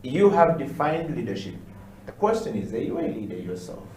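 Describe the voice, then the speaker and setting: A man's voice: medium pitch, very animated, a little fast, a little mellow. A man hosting an interview show as a leadership coach, asking long, rambling questions. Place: studio. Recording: echoey studio with faint noise.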